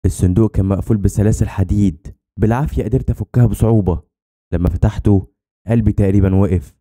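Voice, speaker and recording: A man with an Egyptian accent telling a scripted horror story in a brisk, tense way. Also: fairly low pitch, fairly even intonation, dark tone.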